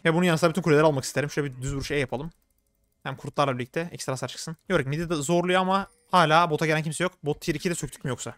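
Rapid-fire man narrating his gameplay. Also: a little high, fairly bright tone, no echo. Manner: chatty, thinks aloud, flares up in frustration. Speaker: gaming streamer. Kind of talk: live gameplay commentary.

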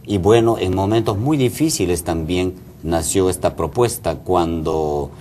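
Being interviewed on a TV news set, this middle-aged mayor from Peru has a deep, mellow voice and talks a little slowly. He sounds earnest but hesitates often, filling pauses, and there's a little hiss or hum.

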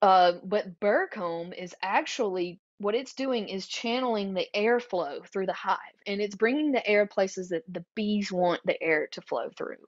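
A woman's voice: medium pitch, dull audio. A woman with a Southern US accent giving a conversational webinar presentation, earnest and loose, with frequent ums and restarts. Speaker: beekeeping workshop presenter.

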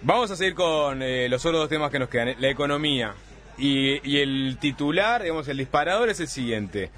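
A man moderating a radio political debate, briskly introducing each topic. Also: medium pitch, animated, fairly bright tone.

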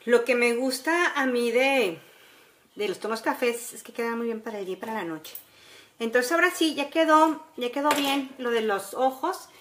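A woman in her forties with a Mexican accent chats her way through a casual makeup tutorial at home, in a room by a window. Her fairly high, fairly bright voice is animated and moderately paced, and she keeps checking in with viewers. There's a little hiss or hum.

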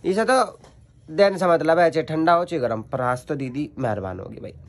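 A man's voice: fairly high pitch, animated, moderate pace. A young man, chatting and teasing his family while filming a casual vlog at home on his phone. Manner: teasing, chatty, addresses viewers as guys. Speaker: vlogger.

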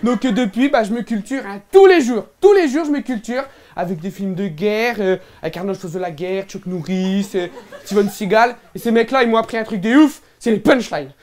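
A man with a high, darkish voice, close to his everyday one, speaks briskly as a brash young ch'ti lout in a solo stand-up act. Using a Northern French ch'ti accent, the comedian makes the character boastful, absurd and loud-mouthed, rambling in slang with plenty of fillers.

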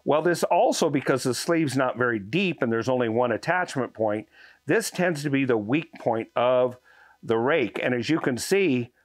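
A man's voice: mid-range voice, animated, moderate pace, no echo, clean studio sound. A man in his sixties, a channel host, giving a folksy, hands-on product review in a workshop and out in a farm yard. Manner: folksy, explanatory, hands-on demonstrating. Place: garage workshop, then outdoors on a farm yard.

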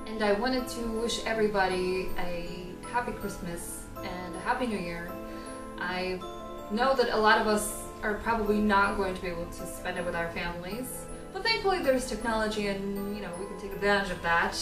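A woman's voice: medium pitch, brisk. A woman in her thirties casually narrating a home tour, chatty and self-mocking with frequent laughs. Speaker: craft vlogger. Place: living room, indoors. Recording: roomy, distant sound with music behind. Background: background music.

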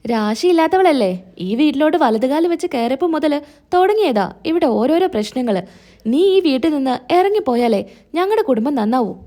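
A woman's voice: high-pitched, animated, moderate pace, warm tone. A woman voicing a domineering older mother-in-law who speaks in a harsh, cutting, commanding way in a retold serial story. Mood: scornful.

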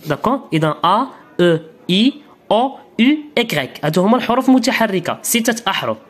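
A woman's voice: mid-range voice, sing-song, fast, slightly rough. A woman with a Moroccan Arabic accent giving a beginner reading lesson, patient and repetitive, often stopping to check that the learner follows. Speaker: teacher.

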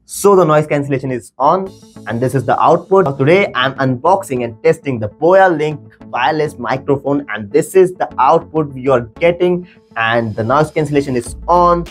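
A man's voice: on the high side, expressive, moderate pace, soft background music. A man giving a casual product demo as a tech reviewer, heard through a wireless mic with noise reduction on, explaining step by step. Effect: noise-reduction processing on the mic audio.

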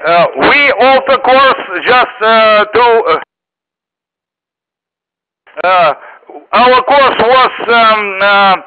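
A ship captain answering over marine VHF radio in halting, broken English full of fillers. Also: male voice, high-pitched, smooth. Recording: tinny marine radio with static.

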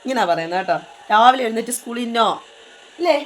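A woman chats through a casual family vlog at home, coaxing her small child and turning to address the viewers. Her voice sits on the high side and rises and falls in a sing-song way. Steady noise runs under the whole recording. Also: fast talker. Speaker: vlogger and mother.

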